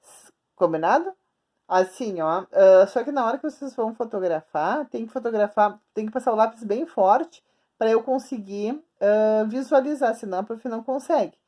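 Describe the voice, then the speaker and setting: A woman schoolteacher giving a remote grammar lesson for children, patiently repeating and slowly stretching out words for young pupils. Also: fairly high pitch, mellow. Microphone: recording at a screen, writing on the board while talking.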